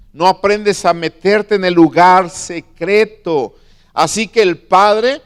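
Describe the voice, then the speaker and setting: A man preaching a sermon as a pastor, stressing words slowly and asking his listeners questions. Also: sits high, fairly bright tone, smooth. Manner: preaching with slow emphatic stresses and questions to the flock.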